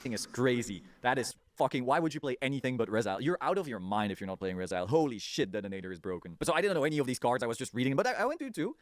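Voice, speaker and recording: A man's voice: mid-range voice, big pitch swings, rapid-fire, few pauses, no echo, clean studio sound. A man talking casually in a vlog, loose and profane, often breaking into laughs. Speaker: YouTuber.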